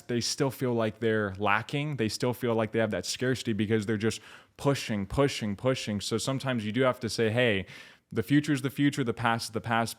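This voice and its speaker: An American man speaking as a coach and podcast guest, giving earnest, conversational motivational talk and acting out little quotes. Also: on the low side. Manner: earnest, illustrates points with imagined quotes.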